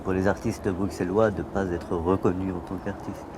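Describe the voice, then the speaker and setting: Brief: male interviewer, very low lively voice, short prompts, loud street noise around him. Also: moderate pace. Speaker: interviewer, show host.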